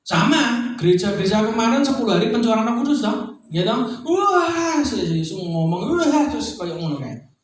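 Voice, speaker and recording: A middle-aged male pastor with a Javanese accent, preaching an animated sermon with frequent "ya toh?" asides. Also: extremely high pitch, normal speed. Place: church hall. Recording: distant mic in echoey church hall.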